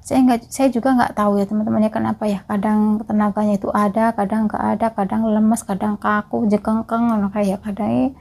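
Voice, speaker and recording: A woman's voice: mid-range voice, flat delivery, a little fast, creaky, warm tone. A woman from East Java, a migrant caregiver chatting casually to her viewers in a vlog and often calling them friends. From East Java, Indonesia.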